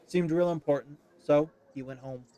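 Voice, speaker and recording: A man's voice: on the high side, steady tone, moderate pace, dark tone, clear, resonant tone, close to an everyday voice. A man doing a plain-spoken coachman. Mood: matter-of-fact.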